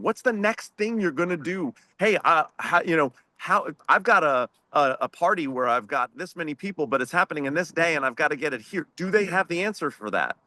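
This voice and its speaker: A man's voice: a little high, sharp tone, dry recording. A man speaking on a video-call webinar panel as a franchise owner, emphatic and preachy, firing off rhetorical questions.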